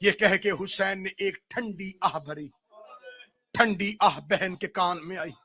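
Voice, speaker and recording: A man with a Pakistani Urdu accent giving a Muharram majlis sermon, crying out in lament and then dropping to hushed, weeping narration. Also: high-pitched. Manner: wailing, swings from shouted cries to hushed weeping delivery. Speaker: Shia majlis orator.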